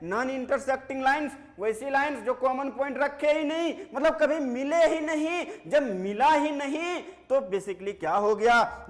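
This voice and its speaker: A man teaching a maths lecture, playfully coaxing his students and asking them questions he then answers himself. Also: high voice. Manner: playful and coaxing, calls students "dear children". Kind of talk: classroom lecture.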